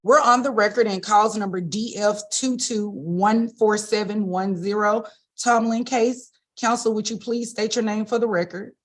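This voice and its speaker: A woman judge heard in a courtroom recording of a virtual hearing, running formal proceedings on the record over a video call in a measured, procedural way with brief fillers. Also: medium pitch, steady tone.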